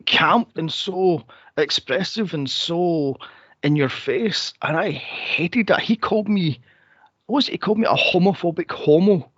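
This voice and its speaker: On a podcast where he co-hosts and reviews films, a man speaks in an unhurried, husky, fairly bright voice, though he says his voice is deep and straight-sounding. He chats animatedly and casually, putting on exaggerated voices for retold stories, recorded dry on a slightly dull mic.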